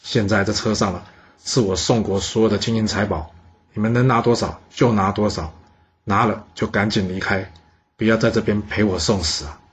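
A man's voice: lowish voice, steady tone, moderate pace, slightly rough. Resigned doomed old king, as a man puts him on.

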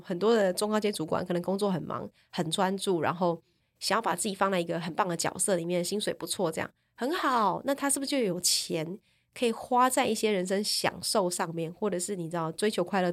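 A woman, telling personal stories on a podcast in a candid, reflective way. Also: mid-range voice. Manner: candid and reflective, tags sentences with a trailing "这样". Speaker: podcast speaker. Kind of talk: personal storytelling podcast talk.

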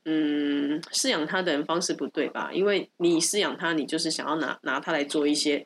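A woman's voice: sits low, steady tone, brisk, slight background noise. A woman with a Taiwanese accent and a stuffy, nasal voice, explaining things in casual podcast chat with firm opinions and repetition for emphasis. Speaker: podcast co-host explaining dog topics.

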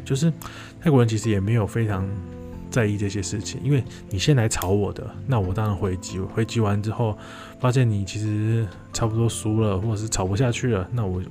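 Man, casual commentary, fillers and restarts, slightly low pitch, faint background music. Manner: relaxed, many fillers and restarts.

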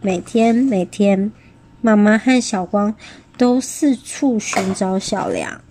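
A woman reading a picture book aloud to her child at bedtime, gentle and pausing to ask the child questions. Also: medium pitch, very animated.

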